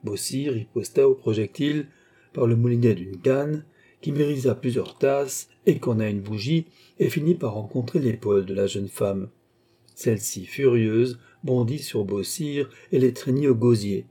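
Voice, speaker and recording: A man giving a slow, measured audiobook narration of a classic novel. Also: mid-range voice, mellow, husky. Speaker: audiobook reader.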